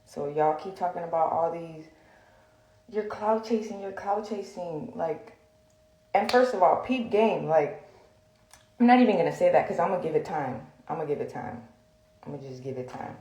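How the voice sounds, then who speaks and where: Speaking low and a little fast, with lively intonation and a warm tone, this young social media personality goes on a heated rant straight to the camera. She's blunt, swears a lot, and leans heavily on "like" and other fillers, all in an echoey room.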